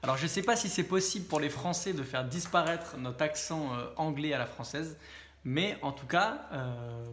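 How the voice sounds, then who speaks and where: A young French man talking casually to camera, chatty, with frequent fillers and quick self-corrections. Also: on the high side, fairly bright tone, roomy sound, a little hiss or hum. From France. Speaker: vlogger and speaking coach.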